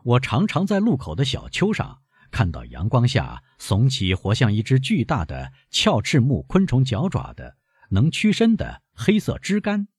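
A man voicing a suave, mysterious nobleman who speaks in a measured, courtly way, in an audiobook of a classic novel. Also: mid-range voice, wildly swooping pitch, slightly rough, no room sound, studio quality, pitched above the performer's own voice, heavily acted.

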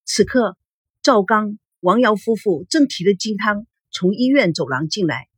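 A woman reading a novel aloud in a dramatic, animated storytelling manner. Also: mid-range voice, measured pace, breathy edge, dry recording, studio quality. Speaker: audiobook reader.

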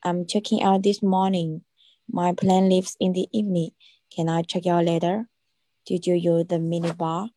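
A woman's voice: lowish voice, little pitch movement, moderate pace, dark tone, no room sound. A woman student on a video call reading English practice sentences, carefully repeating words to fix her pronunciation. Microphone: computer mic on a video call.

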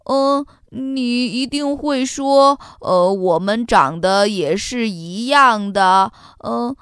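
A woman's voice: a little high, slow, fairly bright tone, clean tone, no room sound, clean studio sound. A woman voicing a kind, hesitant male horse doctor in a children's storybook, with lots of ums. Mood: apologetic. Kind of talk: storybook character voice.

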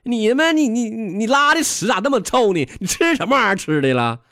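A man's voice: high voice, sing-song, normal speed, vocal fry, bright, forceful tone, no echo, studio quality, pitched above the performer's own voice, full character voice. A man with a Northeastern Mandarin accent voicing a rude, cheeky crow that taunts and stammers with laughter. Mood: mocking. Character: rude foul-mouthed crow, cheeky and defiant.

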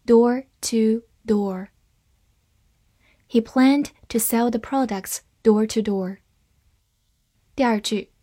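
A woman whose first language is Chinese, teaching English vocabulary in a scripted lesson and reading the example sentences slowly and patiently. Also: fairly high pitch, a little mellow, slightly rough, no echo, studio quality.

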